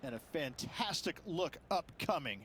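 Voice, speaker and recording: A man's voice: on the high side, animated, measured pace, a bit bright, slight background noise. A man doing golf commentary as the analyst in a video game, with folksy, emphatic phrasing.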